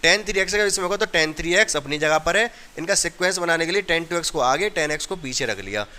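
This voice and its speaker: A man's voice: a little high, animated, fast talker, sharp tone. A man from India teaching a maths class, explaining each step and often checking that the students have understood.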